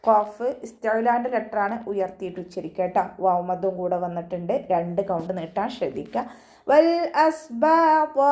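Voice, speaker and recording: A woman teaching Quran recitation rules in an online class, patiently correcting pronunciation step by step. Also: dark tone. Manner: chants verses slowly and higher between explanations. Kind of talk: tajweed lesson with slow recited verses.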